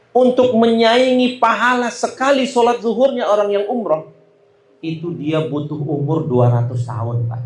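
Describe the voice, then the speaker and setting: Male preacher, sermon in an echoey hall, higher voice, storytelling, speaks straight to the congregation. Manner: storytelling, often addressing listeners as "Pak". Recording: roomy echo.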